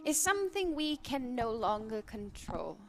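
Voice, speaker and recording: A woman's voice: fairly high pitch, big pitch swings, unhurried, music in the background. A woman playing a petite fortune teller who is a solemn goddess of time, speaking formally and mystically in a tabletop game. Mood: grave, stately. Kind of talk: in-character tabletop role-play.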